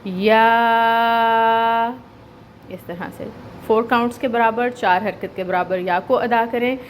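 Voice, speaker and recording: A woman's voice: on the high side, a little hiss or hum. Pakistani woman teaching Quran recitation. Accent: Pakistani Urdu. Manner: explains step by step, checks with "theek hai"; slow drawn-out recitation of verses.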